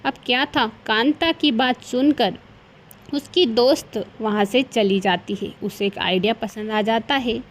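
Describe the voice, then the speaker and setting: A woman's voice: a little high, a little slow. Woman narrating a cartoon tale. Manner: storybook tone. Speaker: storyteller. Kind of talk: children's cartoon story narration.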